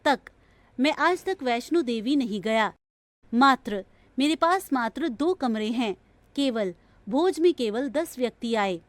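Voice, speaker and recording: A woman reading a grammar lesson from a textbook in a slow, measured, even delivery. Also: fairly high pitch, no room sound. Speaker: textbook audio reader.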